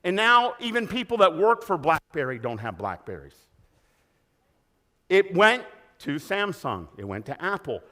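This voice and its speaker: Energetic man in his sixties giving a keynote. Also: high-pitched, a little slow. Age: 60s. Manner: energetic, emphatic, asks the audience questions. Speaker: keynote speaker. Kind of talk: motivational conference keynote. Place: large conference hall, indoors.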